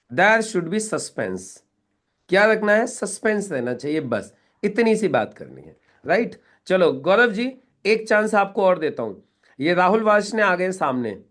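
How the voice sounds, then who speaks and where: A man's voice: high voice, a bit bright. A man training students in a live online session, coaching them and acting out sample conversations. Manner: coaching, acts out sample dialogues. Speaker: network marketing trainer. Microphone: video call.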